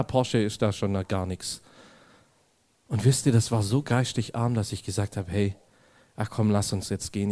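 Man preaching a lively personal story. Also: mid-range voice. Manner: animated storytelling, acts out dialogue; addresses audience directly. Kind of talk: sermon with personal anecdote.

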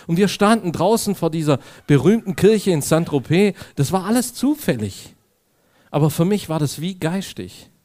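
A man's voice: fairly high pitch, normal speed. A man preaching a sermon, telling a personal anecdote to his audience and acting out the dialogue in it. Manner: animated storytelling, acts out dialogue; addresses audience directly.

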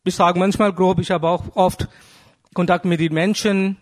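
A man preaching a sermon in German with earnest, halting delivery, searching for words and asking his listeners direct questions. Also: high-pitched, fairly even intonation. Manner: asks the congregation direct questions.

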